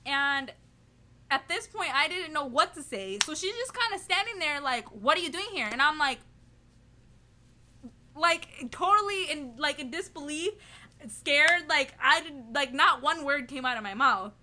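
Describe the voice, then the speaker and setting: A young woman with a high, bright voice tells a story for her vlog. She leans on "like" and "you know" constantly and retells it in an animated, giggly way. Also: unhurried. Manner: chatty, heavy on "like" and "you know". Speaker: vlogger. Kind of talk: casual storytelling to camera.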